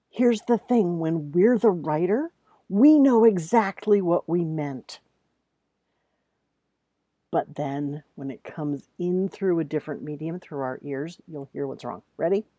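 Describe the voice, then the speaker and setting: A writing teacher speaks casually to her students in a low, mellow voice, keeping things informal and conversational. She stresses key words and reads examples aloud deliberately before commenting on them plainly. The recording is dry, with almost no room sound.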